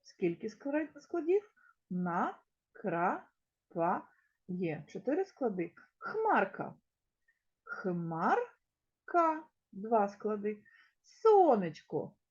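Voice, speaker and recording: A woman teaching a small-children's lesson in a slow, sing-song way, stretching words out and sounding them out one by one. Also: mid-range voice, very animated, slightly rough, dull audio. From Ukraine. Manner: drawn-out, sound-by-sound word pronunciation. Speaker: kindergarten teacher.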